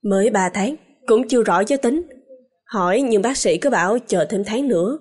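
A woman reads out a quick-tempered young husband who speaks bluntly and roughly. Her pitch stays in an ordinary middle range and she keeps close to her own voice. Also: expressive, a little mellow. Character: young working-class husband, hot-tempered.

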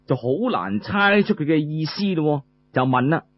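A man with a Cantonese accent works through a traditional story as an oral storyteller, using colloquial speech in phrase-sized pieces. His voice is a little high and expressive at a moderate pace, and the recording is muffled and lo-fi.

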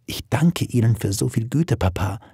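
Shy, soft-spoken girl of eighteen, pitched up high and breathy, read by a man with a husky, dry voice. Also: animated, normal speed, no room sound, full character voice. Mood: tender. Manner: soft, pleading, sometimes whispering. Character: shy, tender eighteen-year-old girl at her first ball.

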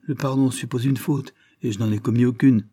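A man's voice: medium pitch, fairly even intonation, a little fast, mellow, slightly rough, natural voice. A man reading a bold, biting tenant. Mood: insistent. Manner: respectful yet biting, nearly imperious. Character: deferential but bold male tenant seeking a lease.

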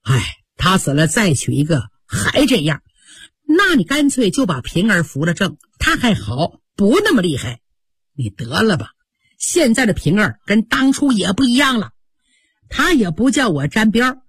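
A woman voicing a philandering nobleman in a lowered, dismissive voice. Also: big pitch swings, normal speed, breathy edge, dry recording, studio quality. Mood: sneering. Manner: low, dismissive grumbling. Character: philandering young nobleman, lazy and sneering.

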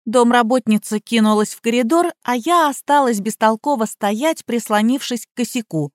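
A woman narrating a first-person audiobook in a measured, even storytelling manner. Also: on the high side, no echo, studio quality.

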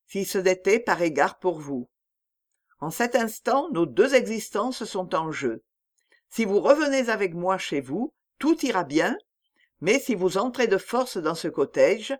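A woman reading an audiobook, voicing a pale, frightened young wife who pleads urgently with her husband. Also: medium pitch.

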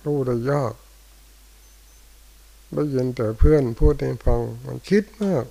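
An older male Buddhist monk, giving a dharma talk in short, unhurried phrases with pauses. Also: medium pitch, fairly even intonation, creaky, warm tone, poor audio. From Thailand. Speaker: monk teacher. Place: monastery hall after morning chanting.

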